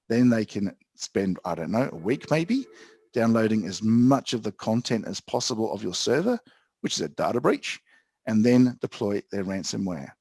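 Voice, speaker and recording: A man's voice: medium pitch, gravelly, darkish tone, husky, no room sound. A man with an Australian accent giving an informal tech explainer as co-host, plain-spoken and emphatic in colloquial language. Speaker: co-host and IT specialist.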